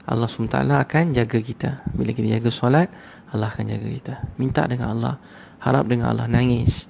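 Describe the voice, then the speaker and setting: Man, Malaysian Malay accent, preacher, gravelly tone, chatty and repetitive, faint noise behind. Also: medium pitch, steady tone, fast, darkish tone. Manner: conversational, repetitive, urging the crowd. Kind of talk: sermon to a live audience.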